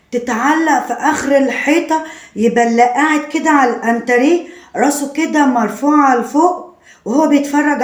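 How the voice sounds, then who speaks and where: A woman's voice: high-pitched, close to an everyday voice. Woman playing a scolding Egyptian mother-in-law. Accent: Egyptian Arabic. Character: scornful loud middle-aged mother-in-law. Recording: roomy echo.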